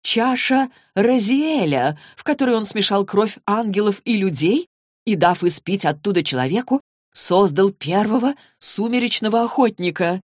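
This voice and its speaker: A woman voicing an imperious fortune-teller who speaks slowly and indignantly. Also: lowish voice, lively intonation, dry recording, clean studio sound. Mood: wondering. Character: imperious middle-aged female fortune-teller. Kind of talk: audiobook character reading.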